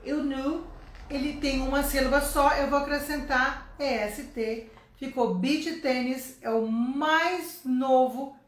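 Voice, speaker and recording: A woman's voice: sits high, fairly even intonation, slow, echoey room, a little hiss or hum. A woman from Brazil teaching a casual online English lesson, explaining step by step and checking in with her listeners often.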